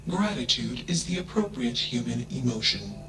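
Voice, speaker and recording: A man voicing an emotionless, coldly logical male AI machine in a video game. He speaks flatly and announces each thought with a one-word label. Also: medium pitch, normal speed, natural voice, rough recording.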